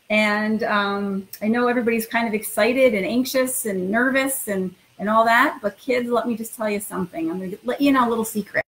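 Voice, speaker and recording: Speaking as an elementary school principal, a middle-aged woman with a somewhat high voice talks straight to children with warm encouragement. Her informal delivery resembles a picture book read-aloud, though the audio quality is poor.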